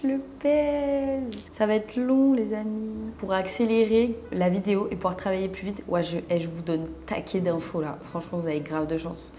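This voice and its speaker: Young woman, editing tutor, casual slangy chat, self-mocking, warm mellow voice, faint room noise. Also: medium pitch.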